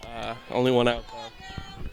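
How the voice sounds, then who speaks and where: Young man doing casual headset commentary outdoors, rambling and offhand, mid-pitched. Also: completely flat delivery, slow, creaky. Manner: rambling, self-deprecating, offhand. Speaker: camera operator and commentator. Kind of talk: casual live sports commentary. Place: outdoors at a softball field.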